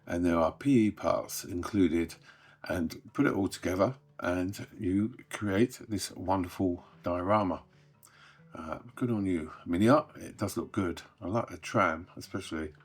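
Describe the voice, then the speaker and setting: With a deep, croaky voice as he recovers from an illness, a man hosts a hobby news update in a casual, chatty way. His sentences often trail off softly at the ends.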